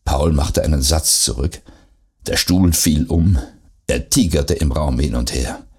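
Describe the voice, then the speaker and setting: A man reading a crime novel aloud as its narrator, in a low and measured way. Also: darkish tone, husky. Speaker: audiobook narrator. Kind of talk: scripted narration.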